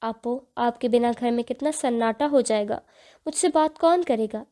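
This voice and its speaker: Woman reader doing a pouty, chatty teen sister, high and mellow. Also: natural voice. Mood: pouting. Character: cheeky teenage younger sister.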